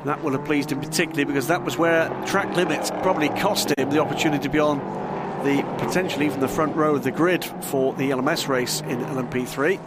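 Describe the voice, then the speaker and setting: A man's voice: on the high side, steady tone, fast talker. A man giving live race analysis as a motorsport commentator. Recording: clear trackside engine and vehicle noise. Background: car engines and outdoor track ambience.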